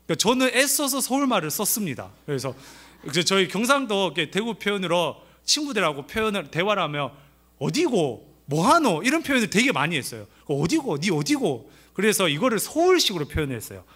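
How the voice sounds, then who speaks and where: A middle-aged pastor from Korea's Gyeongsang region preaches at a church family seminar with a light Gyeongsang accent. His voice is high-pitched and brisk, and he delivers the sermon in a lively, playful way, acting out the lines he quotes.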